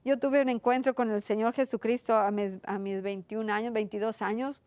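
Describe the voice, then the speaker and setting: A woman's voice: fairly high pitch, fairly even intonation, moderate pace, a little mellow, no echo. A woman preaching a sermon in an earnest, repetitive way, asking questions and answering them herself.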